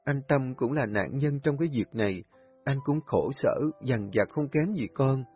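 A man voicing a gentle young mother who speaks softly and earnestly. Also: mid-range voice, normal speed, slightly rough, faint music behind, pitched above the performer's own voice, natural voice. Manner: soft, earnest pleading. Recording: dull lo-fi recording.

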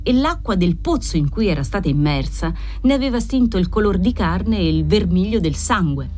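A woman narrating a dramatic novel in an expressive, measured reading voice. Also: medium pitch. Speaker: audiobook reader.

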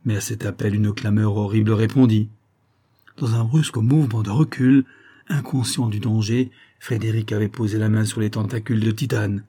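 A man narrating a nineteenth-century fantastic tale as an audiobook, in a measured, theatrical delivery. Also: fairly low pitch, flat delivery, mellow. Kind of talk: dramatic literary reading.

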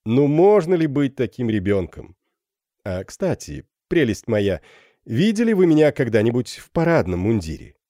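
A man's voice: on the low side, animated, unhurried, no room sound, clean studio sound. A man doing a vain, swaggering army captain. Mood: gallant, swaggering. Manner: loud, jovial, patronising. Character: vain, gallant young army captain, condescending.

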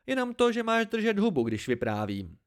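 A man voicing a sharp-tongued woman mercenary who snaps and bites back in an amateur storybook reading. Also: medium pitch, big pitch swings, pitched above the performer's own voice, lightly acted. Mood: irritated. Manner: snappish, biting.

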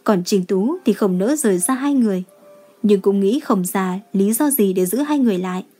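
A woman reading a romance novel aloud as an audiobook narrator, telling the story in a steady manner. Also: mid-range voice, moderate pace. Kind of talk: scripted narration.

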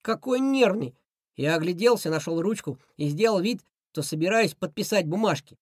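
A woman narrating a children's adventure audiobook in a lively, expressive way. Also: fairly low pitch, fairly quick, breathy edge, no echo, clean studio sound. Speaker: audiobook reader. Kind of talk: scripted storybook narration.

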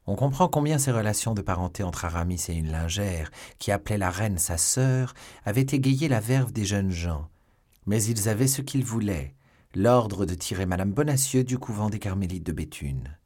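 A man narrating a classic novel as an audiobook in a measured, expressive reading. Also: on the low side. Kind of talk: scripted narration.

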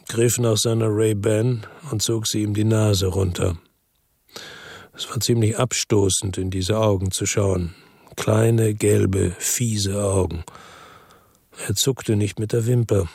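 In a first-person noir radio drama, the narrator and lead actor voices a weary, brooding investigator in Marseille, clipped and musing. His low voice is slow, creaky, a little mellow and slightly rough, exaggerated, with fairly even intonation. It's recorded in a dry studio with no echo and music beneath.

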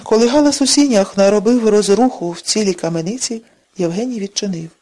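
A woman narrating a classic novel in an even, measured reading voice. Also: medium pitch. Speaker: audiobook narrator. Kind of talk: scripted narration.

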